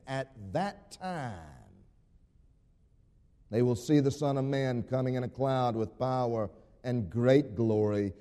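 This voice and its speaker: A pastor preaching a dramatic sermon, full of rhetorical questions, rising to a raised voice and dropping to a hush. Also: male voice, mid-range voice. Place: church sanctuary. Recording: long reverb of a church sanctuary.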